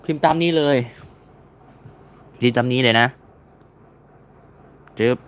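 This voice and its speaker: A man's voice: mid-range voice, slow pace, smooth. A man giving a casual, screen-recorded tutorial, chatting and repeating words while he searches and clicks. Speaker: mobile game modding tutor.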